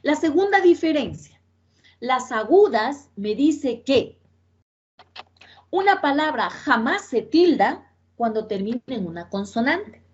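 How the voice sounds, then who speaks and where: A woman teacher walks a class through rules at an unhurried pace. She repeats herself and checks in with her students as she goes. The recording sounds dull and lo-fi. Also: sits high, big pitch swings. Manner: slow, repetitive explaining with checking questions. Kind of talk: classroom grammar lesson.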